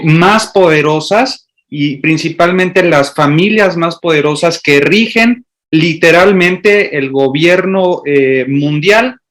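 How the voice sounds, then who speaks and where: A male student reads out a question in class at a slow, halting pace. He fills the pauses with hesitant fillers, and his voice sits a little high for a man. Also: a bit bright. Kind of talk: reading a question aloud.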